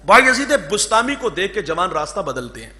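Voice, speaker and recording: A man preaching an Urdu sermon, moving between loud fervor and hushed storytelling. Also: sits high, sing-song. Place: mosque gathering, over a sound system.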